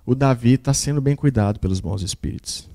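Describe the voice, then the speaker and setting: A man's voice: mid-range voice, fairly quick, creaky, mellow, natural voice. A man voicing a kind reassuring son.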